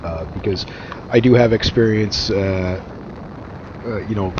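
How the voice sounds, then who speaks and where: A man's voice: on the low side, measured pace. A man giving casual, rambling advice to viewers in a hesitant way with repeated words, speaking into a microphone inside a motorcycle helmet. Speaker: motorcycle vlogger. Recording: dull muffled helmet audio, loud engine noise.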